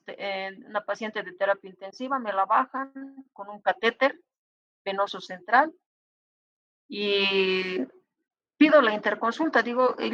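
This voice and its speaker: A woman lectures medical students at a university, offering advice and acting out dialogue between colleagues. Her medium-pitched voice has a fairly bright tone, and the lo-fi recording has no room sound.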